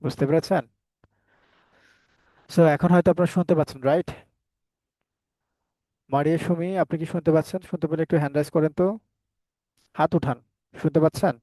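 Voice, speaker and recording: A man's voice: on the high side, fairly even intonation, a little fast, pauses often, mellow, no room sound. A man teaching an online class, drilling his students with repeated questions and answers. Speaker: English teacher. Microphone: headset.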